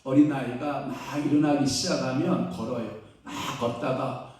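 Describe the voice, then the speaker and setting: A male pastor preaching a sermon, quizzing the congregation with questions and swinging between hushed and loud exclaiming. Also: mid-range voice, fairly even intonation, moderate pace. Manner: call-and-response questions to the congregation. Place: church sanctuary. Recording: echoey church hall, distant mic.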